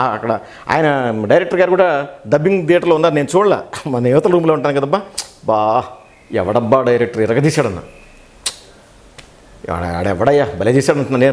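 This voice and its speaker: A dubbing artist and actor with a Telugu accent and a slightly high voice tells stories in an interview. He speaks quickly and with animation, acting out the lines of dialogue he quotes.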